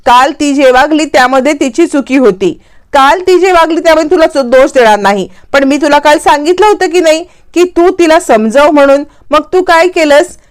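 A woman's voice: sits high, moderate pace, natural voice. A woman voicing a stern elderly patriarch who scolds his daughter-in-law in anger. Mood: scolding.

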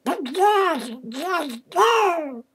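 Squeaky duck puppet for a kids' show: very high, bright, slow and childlike. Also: male voice, very animated, exaggerated voice. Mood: chatty. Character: silly small male duck puppet. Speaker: puppet character.

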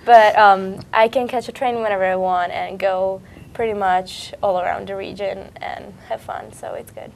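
A young woman from Italy with an Italian accent, a native Italian speaker, answering interview questions in a soft-spoken, slightly hesitant way on a lapel mic. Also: mid-range voice, steady tone, normal speed, gravelly, a little hiss or hum. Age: young adult. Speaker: exchange student.

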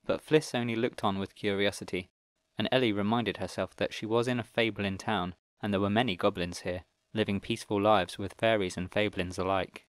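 A man narrating a middle-grade fantasy audiobook in a steady, even storytelling manner. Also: fairly low pitch, brisk, no room sound. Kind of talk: scripted narration.

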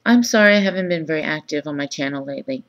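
A woman in her thirties who has just woken up, talking groggily and haltingly in a low-key, casual, confessional vlog. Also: lively intonation. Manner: halting, pausing often mid-thought. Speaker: vlogger. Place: small room indoors. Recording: dull lo-fi webcam sound.

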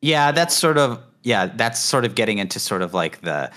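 A man hosting a casual gaming chat, rambling with lots of fillers and trailing off quietly at the ends of thoughts. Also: mid-range voice, sing-song, normal speed. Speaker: gaming channel host.

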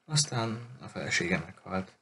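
A man's voice: deep voice, sing-song, sharp tone, breathy edge, heavily acted. A man reading the part of a red-haired village boy who retells local rumours in a matter-of-fact way.

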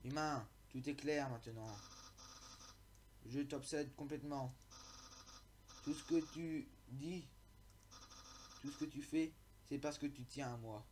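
A man's voice: mid-range voice, takes it slowly, pauses often, darkish tone, slight background noise, natural voice. A man reading the lines of a vain, boastful skeleton in a pompous, theatrical way. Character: vain, boastful skeleton, grandly self-important.

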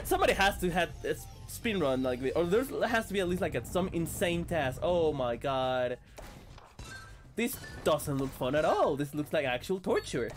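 A sick man streaming a video game, excitable and swearing as he plays. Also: sits high. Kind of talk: casual gameplay commentary.

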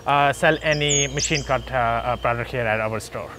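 A man's voice: mid-range voice, normal speed, pushed and bright, slight background noise. A man speaking through a face mask, giving a hesitant, filler-heavy walkthrough of his grocery store. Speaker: store owner giving a tour. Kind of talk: casual walkthrough tour.

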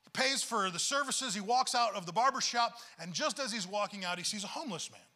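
Bright-voiced man preaching a sermon. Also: high-pitched, lively intonation, fairly quick. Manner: earnest, conversational preaching with repeated words. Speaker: pastor.

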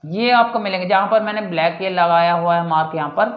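A man with a high voice gives a casual spoken lesson on English pronunciation, slowly repeating example sounds and often addressing viewers as "guys." The audio has a roomy echo and the highs are cut off.

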